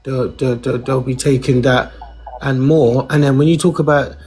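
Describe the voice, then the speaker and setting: An earnest man speaks up in a live online debate, stumbling and repeating his words as he goes. His voice is mid-pitched with a husky edge. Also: steady tone, darkish tone. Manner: earnest, repetitive, halting. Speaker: caller.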